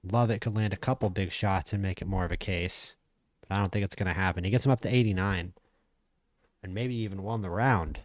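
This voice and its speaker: A man casually commentating a boxing management game, chatty and opinionated, stammering when he gets excited. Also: deep voice, a little fast, no room sound, studio quality. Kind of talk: casual play-by-play commentary over a boxing sim.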